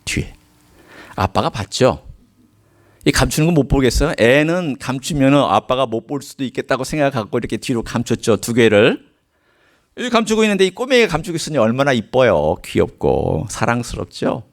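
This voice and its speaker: A middle-aged pastor preaches with a very lively voice that rises and falls widely. He moves from hushed, low storytelling asides to high, ringing calls to his congregation. His pitch sits in the middle for a man. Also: moderate pace. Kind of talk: sermon.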